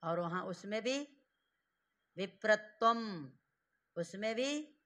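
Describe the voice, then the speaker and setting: A man teaching a grammar class to students in a classroom, slowly drilling them with repeated questions and giving stern, fatherly advice. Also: high voice, vocal fry, pushed and bright. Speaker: Sanskrit teacher.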